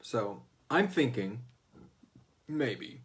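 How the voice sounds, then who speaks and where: He draws out his words in a mid-range voice with lively intonation. The man hosts a fan Q&A show, and he answers listener questions in informal chat that's profane and full of jokes.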